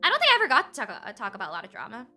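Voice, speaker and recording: Giggly bright high-voiced woman streamer. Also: wildly swooping pitch, racing, soft background music. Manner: giggly, laughs often, rambling restarts. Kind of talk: casual livestream chat with viewers. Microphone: close desk mic.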